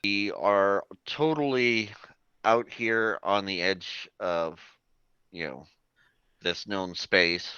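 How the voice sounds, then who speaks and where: Casting: man running a tabletop game, low, forceful voice, dry dull recording. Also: extremely slow, clear, resonant tone, no echo. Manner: rambling, many fillers. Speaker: game master.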